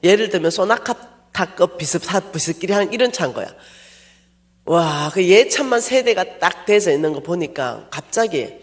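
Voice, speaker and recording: A woman pastor telling a personal story in a sermon, animated and self-mocking. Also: on the low side, normal speed.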